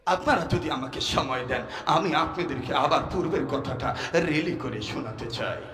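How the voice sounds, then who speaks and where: A man preaching a comic sermon at an open-air gathering. He chants long rhythmic lists, shouts call-and-response lines to the crowd, and drops into quick joking asides. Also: fairly high pitch, background noise. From Shariatpur, Bangladesh. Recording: echoey loudspeaker sound with long reverb, faint crowd.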